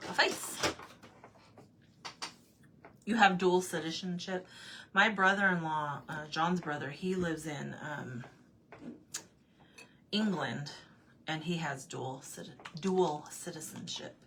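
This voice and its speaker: A woman hosts a craft livestream, chatting casually while she paints. Her voice is bright and forceful and sits a little low. She rambles in run-on asides, laughs often and answers viewer comments one after another. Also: measured pace, a little hiss or hum.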